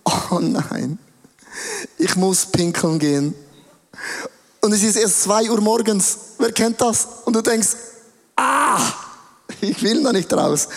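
A man delivers a sermon, playful and animated, often slipping into little acted voices. His voice sits high, and the sound carries the long echo of a large hall. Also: a little slow, creaky. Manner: animated, playful, acts out quotes. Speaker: preacher. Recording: reverberant hall.

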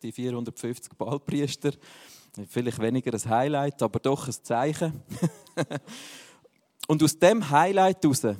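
A man's voice: mid-range voice, darkish tone, big-room sound. A man, preaching a sermon in a casual, joking style. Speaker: pastor.

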